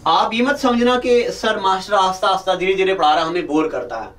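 Male teacher, slow repeated dictation, high bright voice, heard from a distance off the mic. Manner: slow, deliberate dictation with repetition; addresses students as "beta". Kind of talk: recorded lecture to camera.

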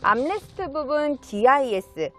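A woman with a high, lively voice delivers a scripted used-car sales pitch. Her phrasing is polished, polite and promotional, rising and falling freely, with music playing behind her. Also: measured pace. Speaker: used car dealer presenting a car for sale.

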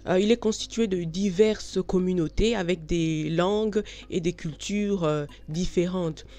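A woman's voice: fairly low pitch, unhurried, dark tone. Frank chatty woman. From Belgium. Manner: frank, chatty, many hesitations. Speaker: vlogger. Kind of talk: casual talk to camera.

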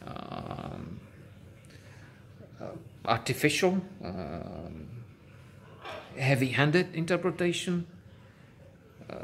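A man's voice: mid-range voice, gravelly, a bit bright, slight background noise. A man giving a casual spoken film review, hesitant, with many fillers and restarts, now and then getting worked up.

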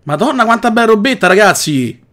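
A young man co-hosting a gameplay video in casual chat, jumpy and loud, swearing and yelling at monsters. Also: high-pitched, animated, fairly quick. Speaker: gaming co-host.

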